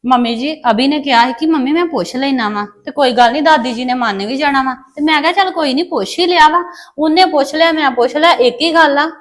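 A woman's voice: sits high, fast talker, natural voice. A young woman playing a meek daughter-in-law who pleads and apologizes to her mother-in-law. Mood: pleading.

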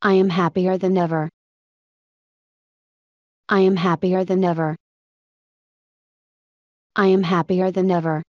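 A woman's voice: fairly low pitch, level tone, slow pace, pauses often, darkish tone, no echo, dull audio. A woman reading short English practice sentences aloud, each one repeated in a plain, evenly paced model delivery. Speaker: English phrase reader. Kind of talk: slow repeated phrase drills.

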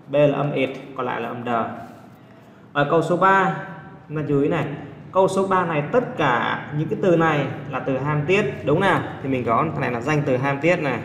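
Male teacher, somewhat high, gravelly voice, explaining test answers in an echoey room with faint noise. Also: a bit bright. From Vietnam. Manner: explains step by step, asks students quick check questions. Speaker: English teacher. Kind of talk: exam answer walkthrough.

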